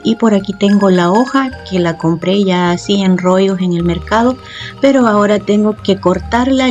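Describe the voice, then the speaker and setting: A woman, the host of a cooking channel, explaining each step of a home recipe calmly and with fond diminutives. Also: medium pitch. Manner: calm, explanatory, uses loving diminutives. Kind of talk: step-by-step cooking tutorial voice-over. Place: home kitchen.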